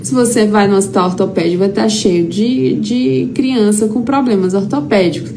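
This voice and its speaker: A therapy teacher with a Brazilian accent gives an informal lecture packed with anecdotes, keeping it conversational, repeating phrases for emphasis and acting out quoted dialogue. Her voice is mid-range at a normal speed, and the background is clearly noisy.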